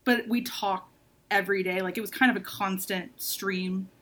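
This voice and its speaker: A woman nearing thirty talks openly in a casual book discussion. She is frank and intense, and her speech is full of "like" fillers. Her voice sits at an everyday middle pitch. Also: fairly even intonation, normal speed, fairly bright tone. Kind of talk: casual book-club chat.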